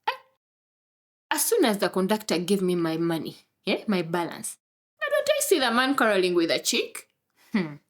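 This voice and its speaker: A woman's voice: mid-range voice, wildly swooping pitch, normal speed, pauses often. Brief: young woman, Ugandan English accent, comic storyteller, dramatic delivery with lots of exclamations. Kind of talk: comedic storytelling monologue. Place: film studio.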